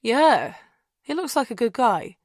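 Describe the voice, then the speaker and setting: A woman's voice: medium pitch, very animated, normal speed, vocal fry, no echo, studio quality. A woman narrator voicing an easygoing young man, a university friend, in an audiobook.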